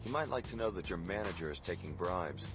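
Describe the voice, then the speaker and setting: A man's voice: sits low, animated, fast, music in the background. A man voicing a terse mercenary agent who talks in a curt, matter-of-fact way.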